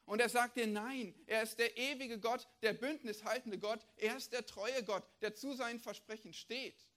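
Male preacher giving a sermon, punchy, lots of rhetorical questions, goes loud then really quiet. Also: very high voice, steady tone, moderate pace. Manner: emphatic, fires off rhetorical questions, swings between loud and hushed.

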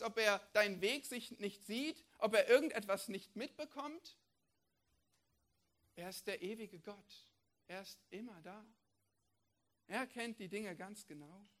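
A man preaching a sermon, emphatic and full of rhetorical questions, swinging between loud declarations and hushed lines. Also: high-pitched.

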